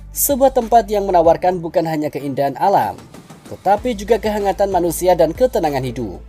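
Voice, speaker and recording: Female narrator for scripted documentary voice-over, soft-toned, medium pitch.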